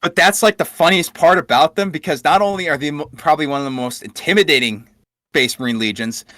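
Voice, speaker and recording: Bright-voiced man swearing through lore talk. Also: a little high, fast, no room sound. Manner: profane, enthusiastic storytelling. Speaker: podcast co-host. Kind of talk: casual lore chat.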